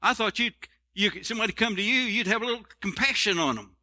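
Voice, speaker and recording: An exasperated mother pleads for her daughter and grumbles in plain, folksy words, as a preacher acts her out in a raised voice. The tone is sharp and tense, and she sounds put out. This is a sermon aside. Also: sits high, expressive, quick pace, voice pushed up, full character voice. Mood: indignant.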